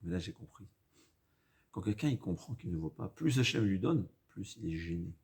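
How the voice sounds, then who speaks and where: A man with a fairly low voice gives an informal religious lecture in French with a foreign accent, as a non-native speaker. He moves haltingly, repeating phrases for emphasis and dropping in Hebrew quotations. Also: animated, gravelly, a little mellow. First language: not a native French speaker. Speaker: rabbi giving a religious lesson.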